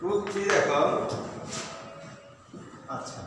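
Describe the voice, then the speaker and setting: A man from Bangladesh teaching an English lesson patiently, repeating words slowly and pausing to check that students understand. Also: high-pitched, background noise. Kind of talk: recorded classroom lesson. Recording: echoey room, mic far off.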